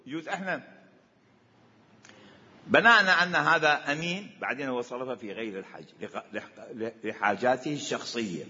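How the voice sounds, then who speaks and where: A man's voice: mid-range voice, fairly quick, sharp tone. A man with an Iraqi accent giving a seminary lecture on Islamic law, questioning and repeating his points for emphasis. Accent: Iraqi Arabic. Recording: echoey hall, dull lo-fi sound.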